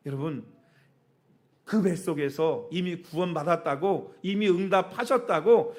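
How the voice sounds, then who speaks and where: A woman pastor delivering a sermon as vivid storytelling. She uses sound words, asks the congregation questions and often laughs as she speaks. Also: medium pitch. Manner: laughs often while preaching.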